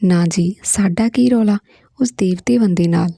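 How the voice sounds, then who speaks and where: A woman's voice: medium pitch, a little slow, creaky, dark tone, no room sound, clean studio sound. A woman reading the lines of a poor widowed mother who speaks meekly and pleads politely. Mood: humble pleading. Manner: meek, pleading, folded-hands politeness.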